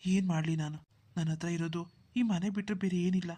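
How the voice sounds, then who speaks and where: A man's voice: high-pitched, fairly even intonation, a little fast, dark tone. A man voicing a poor, anxious young village brother in a cartoon, who talks in a pleading, self-pitying way. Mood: worried. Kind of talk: Kannada cartoon dubbing.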